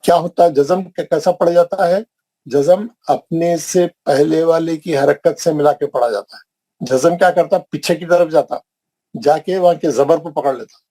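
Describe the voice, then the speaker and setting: A man's voice: a little high, fairly even intonation, mellow, poor audio. A man teaching an online Quran recitation class, repeating points and quizzing his students. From India. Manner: repetitive, questioning, drilling the class.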